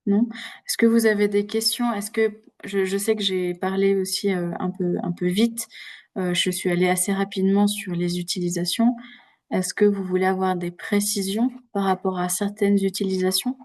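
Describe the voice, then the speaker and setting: A woman's voice: mid-range voice, little pitch movement, normal speed, darkish tone. Hesitant woman hosting a webinar. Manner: hesitant, many filler sounds. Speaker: webinar presenter. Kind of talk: moderating an online teacher workshop. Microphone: video call.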